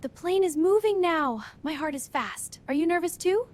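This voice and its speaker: A woman playing an excited young tourist, narrating a beginner English lesson with very slow talking in short simple sentences. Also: very high voice, a little hiss or hum. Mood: calm wonder.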